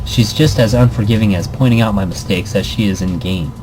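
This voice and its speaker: Speaking briskly in a lowish, slightly mellow voice, a male let's player reads visual novel text aloud, rambling and breaking off mid-thought with playful asides. The recording is low quality and has background noise.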